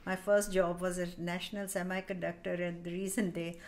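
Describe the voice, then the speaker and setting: A woman's voice: on the low side, little pitch movement, moderate pace, darkish tone. Woman, Pakistani accent, middle-aged, casual conversational storyteller, talk show guest.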